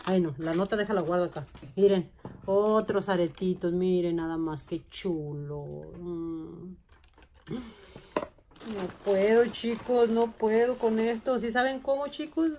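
Excitable lady showing off stuff to her viewers, bit of hiss behind. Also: medium pitch, a little slow. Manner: excitable, gushing, addresses viewers as "chicos". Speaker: vlogger. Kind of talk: casual unboxing vlog.

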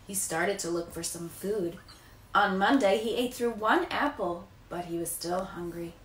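Reading a children's picture book aloud indoors in a living room, an American teacher in her thirties speaks in a mid-range voice at a measured pace. She's recorded by a camera a few feet off, so the sound is distant and echoey with faint noise.

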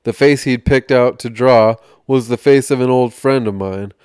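A man hosting a podcast, reading a magazine article aloud in a measured way, with small slips and restarts. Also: mid-range voice, darkish tone, smooth, no echo, clean studio sound.

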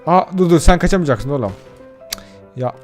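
A man doing excitable let's-play commentary, chatting straight to his viewers and cursing casually at the game. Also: fairly high pitch, fairly quick, faint music behind. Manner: addresses viewers directly. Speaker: gaming YouTuber.

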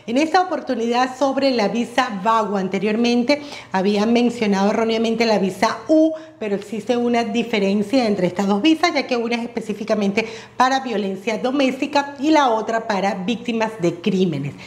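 A woman hosting a conversational interview, asking measured questions with occasional hesitation fillers. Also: fairly high pitch. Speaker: interview host. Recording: roomy sound with faint music.

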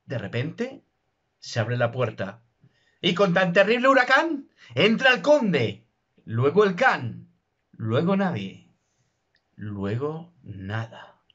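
A man recites comic verse with theatrical drama, slow and declamatory. His husky voice sits fairly high and swoops widely. The recording is dull and muffled. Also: very animated, a bit bright. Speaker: narrator.

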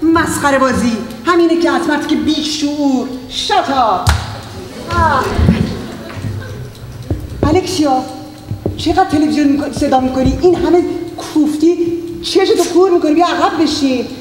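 A woman playing a short-tempered mother in an acted parenting skit, shouting harsh commands at her daughter. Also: high voice, few pauses, distant mic. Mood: angry, yelling. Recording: roomy echo, long reverb, faint noise.

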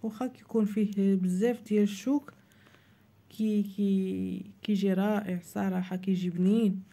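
A woman with a Moroccan Arabic accent talks viewers through a home recipe in a cooking voice-over. Her voice is very dark and mellow, middle in pitch, and her delivery is plain and instructive. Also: steady tone, moderate pace, creaky. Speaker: cooking channel host.

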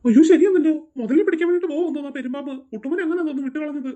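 A woman's voice: sits high, racing, mellow, dull audio, close to an everyday voice. Woman voicing a jumpy cartoon dad. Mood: alarmed. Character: grown man, father, a policeman, easily scared. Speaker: cartoon character.

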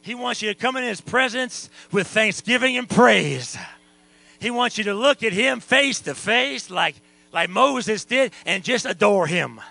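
A man preaching a revival sermon as pastor in a church, going from quiet talk to shouting. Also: high-pitched, lively intonation, unhurried, gravelly, no room sound, rough recording. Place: church sanctuary.

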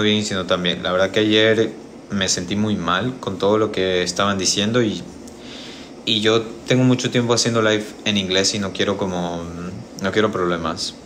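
Man, 30s, livestream host, low voice, bright tone, hesitant rambling, phone mic, home kitchen. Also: a little hiss or hum. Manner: rambling, hesitant, many restarts. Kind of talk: casual livestream chat. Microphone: phone front camera.

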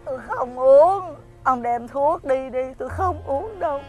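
A woman's voice: high-pitched, lively intonation, a little slow, darkish tone, soft background music. A middle-aged woman playing a grieving mother who wails and despairs in a TV fairy-tale drama. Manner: wailing, despairing.

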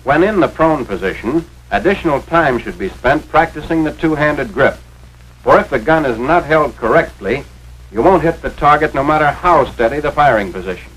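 This American man's voice is fairly high, a bit bright and slightly rough, expressive at normal speed. He narrates a scripted 1940s instructional film with authoritative, careful enunciation, like a step-by-step lesson. The recording is a noisy, radio-like soundtrack from the 1940s.

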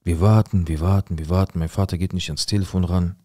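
A man's voice: low-pitched, steady tone, quick pace, warm tone, no echo, faint music behind. A man recounting a painful episode from his past in an earnest, tense way, repeating words for emphasis. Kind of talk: emotional personal storytelling.

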